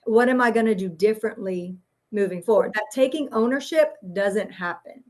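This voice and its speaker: A woman's voice: mid-range voice, moderate pace. Woman therapist explaining with searching fillers. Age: adult parent. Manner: loose and searching, many "um" and "right?". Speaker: guest therapist. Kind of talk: casual explanatory chat.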